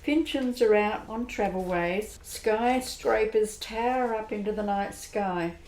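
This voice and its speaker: A woman narrates an amateur radio drama slowly, in a steady, descriptive manner. Her voice sits at a middle pitch, and a roomy echo surrounds the recording.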